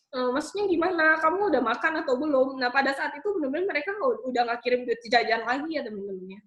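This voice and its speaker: A woman in her twenties from Bangka, Indonesia, tells her life story with emotion, using lots of filler words. Her voice is a little high, and the low-quality recording was made in an echoey room.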